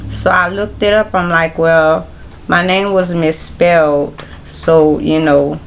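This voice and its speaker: A woman hosting a casual Bible study livestream, talking in a relaxed, rambling way straight to her viewers. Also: lowish voice, slow pace, slight background noise. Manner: relaxed, rambling, speaks directly to viewers as y'all.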